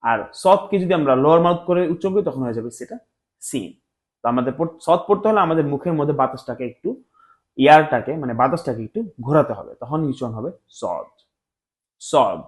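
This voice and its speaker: A man teaching Arabic letter pronunciation in a lesson, repeating each letter slowly and mixing in English words. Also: mid-range voice, lively intonation. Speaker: Quran teacher.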